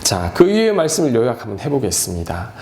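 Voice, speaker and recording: A man's voice: medium pitch, wildly swooping pitch, quick pace, darkish tone, reverberant. A male pastor preaching a sermon, emphatic and posing rhetorical questions to the congregation.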